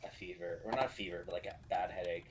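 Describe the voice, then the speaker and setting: A man's voice: deep voice, fairly even intonation, fast talker, background noise. A man in his thirties chatting casually and rambling, filling his talk with "like.". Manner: rambling with many "like"s, laughs easily. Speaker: friend on the stream. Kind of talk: casual chat.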